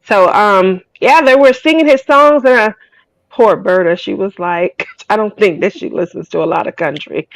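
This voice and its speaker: Woman, casual chat, rambling, many fillers, mid pitch, dry close sound. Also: moderate pace, dry recording, rough recording. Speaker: guest.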